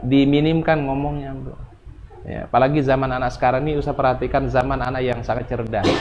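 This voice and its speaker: Indonesian preacher rousing a women's study group. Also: male voice, muffled recording, a little hiss or hum. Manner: addresses women listeners, asking them questions and answering himself; swings from soft and slow to loud and high for emphasis. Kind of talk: sermon.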